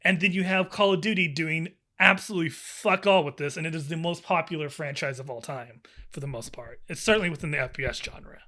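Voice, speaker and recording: A man co-hosting a casual podcast, talking fast with sarcasm and frequent swearing. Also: on the high side. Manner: profane, sarcastic, animated. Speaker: podcast co-host. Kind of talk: casual gaming podcast chat.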